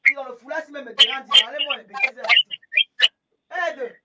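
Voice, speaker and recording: A middle-aged Cameroonian woman with a Cameroonian French accent, delivering a heated, insulting rant on a live stream and shouting in bursts. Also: sits high, moderate pace, very noisy. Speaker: livestreamer.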